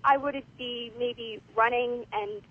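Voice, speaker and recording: A high, breathy woman's voice comes down a muffled payphone line. She talks in a halting way, pausing often as she calls in to a radio show. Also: steady tone. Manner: hesitant, halting. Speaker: caller. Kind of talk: call-in radio chat.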